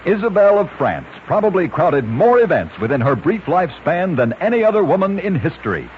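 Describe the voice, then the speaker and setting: Sounding like an old-time radio announcer, a man briskly narrates odd facts in a slightly high voice that swings broadly up and down. Faint hiss sits under a muffled, lo-fi recording.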